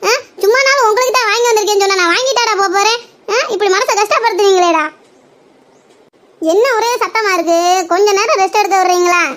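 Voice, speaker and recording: A sharp, piercing older mother-in-law, voiced by a performer, who rattles off complaints at speed. She speaks, scolding everyone around her in a comedy skit. Her voice stays high and shrill throughout. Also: fast talker, heavy background noise. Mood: ranting.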